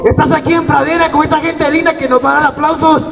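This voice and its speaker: A man's voice: extremely high pitch, little pitch movement, fast, gravelly. A man playing a silly, bossy clown who scolds and rouses in a live children's stage routine. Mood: cheerful. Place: stage in a large indoor hall. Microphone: handheld mic, filmed from the audience. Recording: noisy hall recording with crowd.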